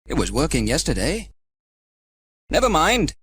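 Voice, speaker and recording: A man's voice: fairly high pitch, huge pitch swings, unhurried, a bit bright, a little hiss or hum, pitched above the performer's own voice, exaggerated voice. A man voicing a cheerful, confident young village fireman in a children's storybook, chirpy and hearty.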